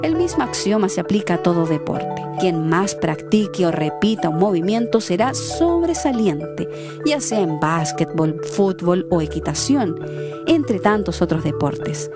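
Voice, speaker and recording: A woman's voice: lowish voice, very animated, unhurried, music in the background. A woman reading a scripted narration from a prepared text.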